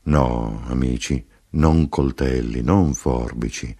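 A towering, gentle man speaks slowly and solemnly in a deep, warm, husky voice, as the storybook narrator puts him on. Every word comes out soft and deliberate. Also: expressive, heavily acted.

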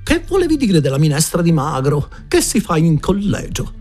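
A man's voice: a little high, huge pitch swings, moderate pace, darkish tone, soft background music, pitched above the performer's own voice. A man voicing a pompous, theatrical woman who runs a boarding school, declaiming her words imperiously. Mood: dramatic, imperious.

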